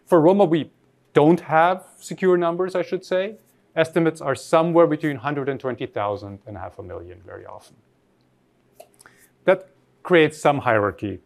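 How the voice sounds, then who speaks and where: A man's voice: a little high, normal speed, gravelly. A man from Austria giving an academic lecture, reflective and posing rhetorical questions to his audience.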